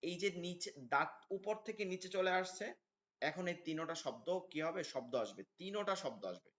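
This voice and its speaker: A man's voice: fairly high pitch, lively intonation, fairly bright tone. Man teaching letter sounds, lo-fi audio. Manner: drills letter sounds by slow repetition; explains patiently, addressing students directly. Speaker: Quran recitation teacher. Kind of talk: online class lesson. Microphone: online class audio. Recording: dull lo-fi audio.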